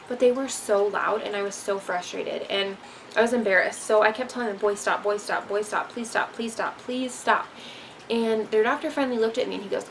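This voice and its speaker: A young woman talks to her camera about parenting in a loose, frank, rambling way, full of ums and asides. Her mid-pitched voice carries a gravelly fry at the ends of phrases. A faint hiss of room noise sits under it. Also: low-quality recording. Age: young adult. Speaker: vlogger, mother of three. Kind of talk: casual parenting talk to camera.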